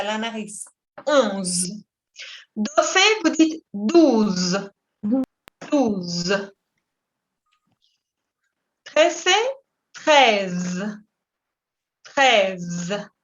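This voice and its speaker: A woman teaching an online French class, explaining in Spanish and repeating each word slowly for pronunciation. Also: high voice, a bit bright, lo-fi sound. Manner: slow, careful, repeats words for pronunciation; switches between Spanish explanations and French examples.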